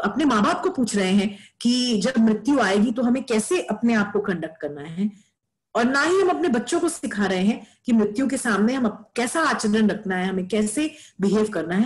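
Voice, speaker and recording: A woman's voice: a little high, rough recording. A young adult woman giving an earnest motivational talk, sharing a personal story and mixing English phrases into her speech.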